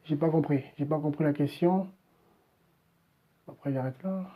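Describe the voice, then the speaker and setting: A man's voice: fairly high pitch, normal speed. Exhorting man preaching on a lo-fi stream. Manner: exhorting, repetitive, keeps saying "voilà". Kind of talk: live-streamed preaching, answering chat.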